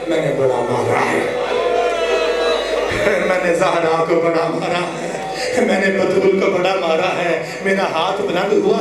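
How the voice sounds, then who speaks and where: High-pitched zakir reciting masaib. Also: male voice. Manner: swings from loud high cries to hushed near-whispers; addresses the audience directly, urging them to weep. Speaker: zakir reciting at a mourning majlis. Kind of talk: emotional mourning recitation (masaib).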